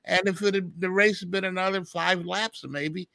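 A man's voice: high voice, steady tone, normal speed, vocal fry, a crowd in the background. A man co-hosting motorsports radio, telling stories with laughs. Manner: storytelling, laughs while talking. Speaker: radio co-host, stats man. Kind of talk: casual studio chat.

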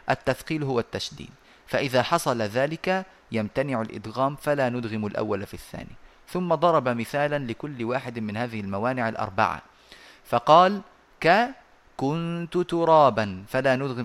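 A man teaching a lesson on Quran recitation rules over an online voice call. He explains at a measured pace with many pauses and fillers, and he chants the verses he quotes. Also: mid-range voice.

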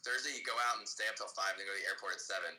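Casting: young male podcast co-host, sharp bright voice, quick casual delivery. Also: low-pitched. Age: young adult. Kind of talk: casual chat between friends.

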